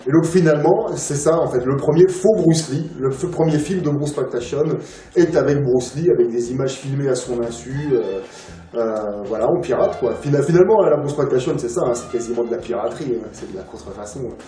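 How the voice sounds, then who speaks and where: A man talks as an interview guest, rambling and pausing often. His tone is mellow and low-key. He sounds distant from the mic in a roomy space, with faint music underneath. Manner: rambling, many filler sounds and restarts. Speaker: interview guest, film collector. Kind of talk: casual interview.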